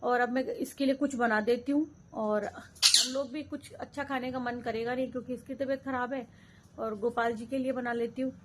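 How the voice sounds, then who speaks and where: A woman, a mother, casually narrating a family vlog and talking straight to viewers while she cooks. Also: sits high. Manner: chatty, talks straight to viewers while cooking.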